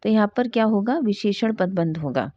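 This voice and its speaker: A woman teaching a grammar lesson, asking questions and answering them herself and slowing down to read out example sentences. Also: medium pitch, animated, dark tone, no echo. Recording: dull dry lo-fi sound.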